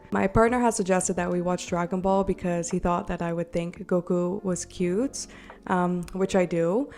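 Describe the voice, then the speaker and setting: A young polymer clay artist narrates her craft video in a low-ish voice still a bit rough from illness. She's friendly, chatty and self-deprecating, slipping in little laughs, recorded on a borrowed desk mic over soft background music.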